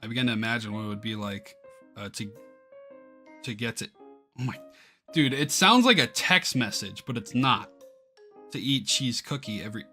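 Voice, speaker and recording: A man with a mid-range, animated voice streams a visual novel, reading its text aloud at a moderate pace with long pauses, his tone pushed and bright. He tosses in casual asides and often stumbles and rereads lines. Game background music plays behind him.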